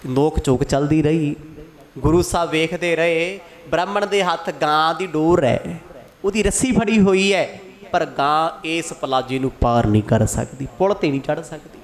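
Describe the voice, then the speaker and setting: A man delivers a storytelling sermon. He switches voices as he acts out both sides of a quarrel. His voice sits rather high. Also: normal speed. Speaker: katha preacher.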